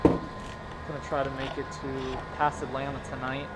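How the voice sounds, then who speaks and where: A man's voice: mid-range voice, completely flat delivery, a little slow. A young man in his twenties vlogging a night road trip, making playful mock-announcer jokes into a camera on a pole. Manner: joking, mock announcer lines. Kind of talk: casual travel vlog. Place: car at night, then outdoor gas station. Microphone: camera on a handheld pole. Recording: loud road and outdoor noise.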